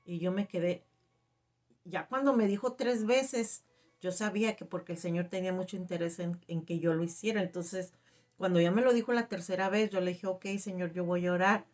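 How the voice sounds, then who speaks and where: Woman, middle-aged, personal faith testimony, halting, emotional, fillers. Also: fairly low pitch, darkish tone, soft background music. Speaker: testimony giver.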